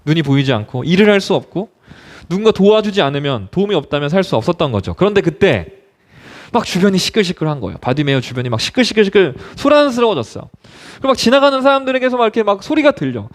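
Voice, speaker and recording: A male youth pastor preaches in a high, lively voice that swings widely in pitch. He tells the story dramatically and keeps turning to his listeners with direct questions. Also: fast talker. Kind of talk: sermon.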